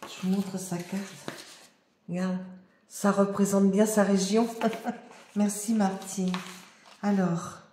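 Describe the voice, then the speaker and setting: A woman chatting casually as she unboxes craft mail, her voice slightly hoarse and often dropping to a murmur. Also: medium pitch, level tone, takes it slowly, pauses often. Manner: soft-spoken, often murmuring to herself. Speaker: crafting vlogger. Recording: echoey room, faint noise.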